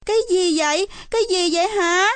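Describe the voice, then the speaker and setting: A woman voicing a timid little girl in a storybook reading, speaking in a high, childish, pleading whine. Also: measured pace, dry recording. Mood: alarmed.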